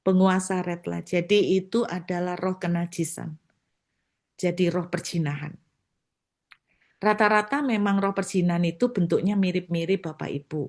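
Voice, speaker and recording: A woman pastor from Surabaya, telling a story in her sermon with lively acted-out voices. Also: on the low side, normal speed. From Surabaya, Indonesia. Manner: animated, acts out voices.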